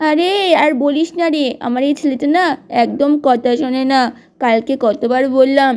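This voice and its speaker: A woman's voice: high voice, fairly even intonation, moderate pace, darkish tone, natural voice. A woman voicing a chatty young sister-in-law in a doll-play story, asking questions.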